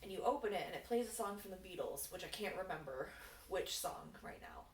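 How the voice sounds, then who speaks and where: A woman with a slightly low voice chats informally about herself, pausing often and padding her sentences with filler words. She sounds some distance from the microphone in a reverberant room. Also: animated. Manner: informal, halting, filler-heavy with frequent "like". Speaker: co-host of a casual Q&A video. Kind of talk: casual personal chat. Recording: roomy echo, distant mic, faint noise.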